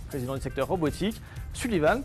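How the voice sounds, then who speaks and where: A man hosting a web TV show and introducing guests with an upbeat, lively delivery and a voice slightly above the usual pitch. Music plays clearly behind him. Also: fast. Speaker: host.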